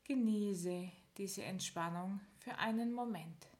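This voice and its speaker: A woman's medium-pitched voice leads a progressive muscle relaxation exercise. She speaks calmly, explains each step in turn, and counts down slowly, leaving long silences.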